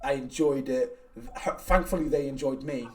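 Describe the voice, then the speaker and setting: A man hosting a casual podcast, talking in an animated way, swearing and laughing often. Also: mid-range voice, normal speed, distant mic. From United Kingdom. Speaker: podcast host and reaction channel creator. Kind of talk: casual chat.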